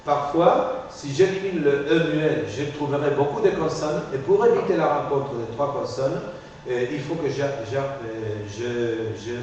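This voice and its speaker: A male phonetics teacher explains step by step, pausing often to ask "ok?". He sounds far from the mic, with a long, ringing room echo. A faint hiss sits under the voice. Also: medium pitch, a little mellow. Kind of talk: classroom lecture. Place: classroom.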